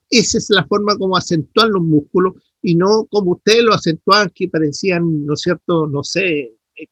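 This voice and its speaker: A middle-aged dentistry professor with a Chilean Spanish accent gives feedback in an online class, correcting terminology and using lots of tag questions. His voice is high-pitched and husky, and the recording has no room sound.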